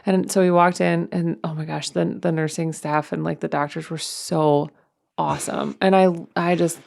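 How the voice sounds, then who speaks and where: A woman co-host talks in a loose, rambling way, full of fillers and side-tracks. Her voice sits a little low for a woman and has a steady gravelly fry running through it. It is an easy, unscripted chat. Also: normal speed. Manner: rambling, chatty, many fillers. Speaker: podcast co-host, mother. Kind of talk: casual chat.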